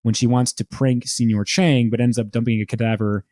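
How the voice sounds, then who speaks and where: A man co-hosting a casual podcast, recapping a sitcom episode and often jumping into a high voice to quote lines. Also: brisk, dry recording, clean studio sound. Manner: animated, jumps into high pitch to quote lines. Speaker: podcast co-host.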